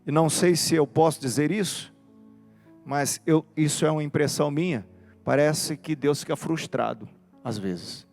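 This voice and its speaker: A man's voice: a little high, moderate pace, darkish tone, faint music behind. A man preaching a sermon, impassioned, driving his points home in repeated emphatic lists.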